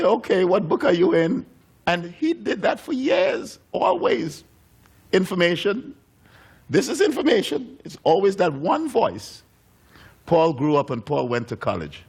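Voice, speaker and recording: A man preaching a sermon in a church, telling a story with animated delivery and acting out the voices of its characters. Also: medium pitch, creaky. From United States. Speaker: pastor.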